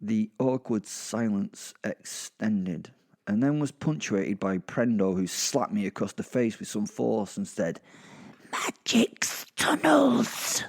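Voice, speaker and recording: Dark in tone and on the low side, a British man narrates at a measured pace. His first-person horror storytelling is conversational and wry, sprinkled with sweary remarks.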